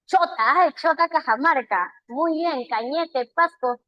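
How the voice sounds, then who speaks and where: Answering chat questions in a live online class, a language teacher from Peru speaks with a Peruvian Spanish accent in a high, bright voice at a measured pace, though the recording's highs are cut off. She warmly praises students by name and constantly asks "right?" as a rhetorical check. The audio is close and dry without room echo.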